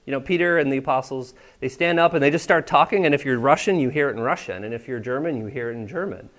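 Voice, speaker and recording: This is a male pastor from the US, preaching to his congregation in a church sanctuary. His mid-range, slightly bright voice moves fast, and he talks with the listeners conversationally, regularly checking they're with him.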